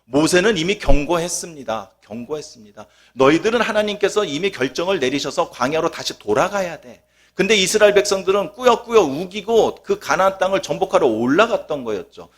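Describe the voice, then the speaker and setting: Dramatic male preacher, slightly high voice. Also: animated, fairly quick. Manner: dramatic, swings from loud emphasis to hushed near-whisper; asks the congregation questions. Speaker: pastor. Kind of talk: sermon.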